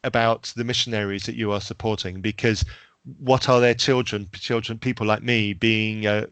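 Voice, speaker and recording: A man's voice: fairly low pitch, fairly even intonation, moderate pace, fairly bright tone, smooth, dry recording. A man who grew up in Zambia, a podcast guest speaking frankly and emphatically in casual discussion.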